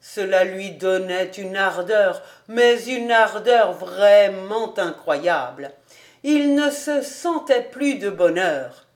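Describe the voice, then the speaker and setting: A woman reading a classic novel aloud as a volunteer audiobook narrator, in a calm, even storytelling manner. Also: medium pitch, slow. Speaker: audiobook reader.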